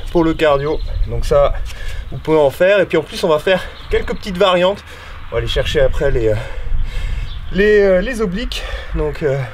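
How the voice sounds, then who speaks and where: Guy coaching a home ab workout, fairly high voice, upbeat, counts reps out loud and chats in between. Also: slight background noise. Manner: upbeat, counts reps aloud, chatty asides. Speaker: fitness coach. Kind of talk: guided home workout instruction.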